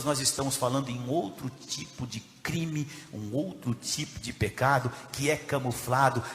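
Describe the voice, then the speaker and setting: A Brazilian man preaching a sermon as pastor, dropping from low, quiet reading into loud, shouted preaching. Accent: Brazilian Portuguese. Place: church hall. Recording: echoey hall with long reverb.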